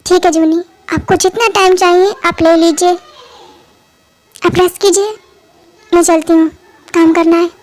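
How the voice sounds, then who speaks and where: A gentle, caring mother who soothes and reasons softly, voiced by a woman. The voice is very high. It is a fan-made audio drama dub. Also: fairly even intonation, a little slow, long pauses. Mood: coaxing.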